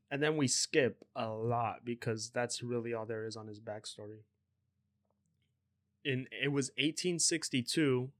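A man's voice: medium pitch, a bit bright, no echo. A young man hosting a casual podcast, talking loosely and rambling through his notes. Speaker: podcast host.

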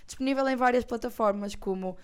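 A woman's voice: fairly high pitch, clean tone. Chatty young Portuguese woman podcaster. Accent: European Portuguese. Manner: chatty and playful, quick slangy asides. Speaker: podcast host. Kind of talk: casual podcast chat.

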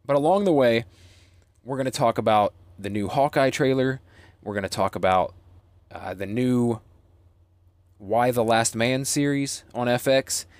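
A man's voice: mid-range voice, measured pace, pauses often, darkish tone, dry recording. A male podcast host in casual chat, rambling and joking at his own expense. His voice sits mid-range. The recording is dry and close. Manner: rambling, joking, self-deprecating.

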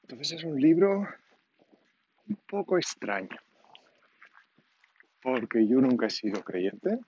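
Here a warm, sing-song, mid-range voice moves at a slow pace as this 49-year-old man from Catalonia, Spain, talks through his solo podcast. Catalan is his first language along with Spanish, and his Spanish carries a Catalan accent. The monologue is casual, unscripted, and wandering, captured in a dull lo-fi home setup with obvious background noise.

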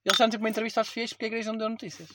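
A man's voice: high voice, level tone, very fast, noisy background. A young man with a European Portuguese accent, chatting casually and slangily as a podcast co-host. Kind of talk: casual chat with friends.

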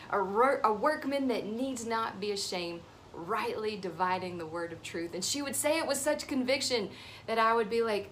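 A woman's voice: medium pitch, fairly bright tone, a little hiss or hum. A woman in her thirties giving an earnest, encouraging devotional teaching as host of her ministry show.

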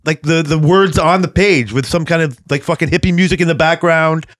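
A man's voice: fairly high pitch, brisk, a bit bright. A man co-hosting a podcast in casual chat, joking and rambling, swearing often. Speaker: podcast co-host.

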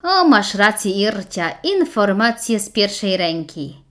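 A woman voicing a bashful country bachelor in a slightly lower voice. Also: sing-song, slow pace.

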